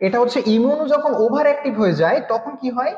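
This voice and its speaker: A man teaches a live online class in a high voice, talking quickly. He walks through each point step by step and keeps putting questions to his students. The sound is muffled and echoes with a long reverb. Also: expressive, darkish tone. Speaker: nursing exam tutor.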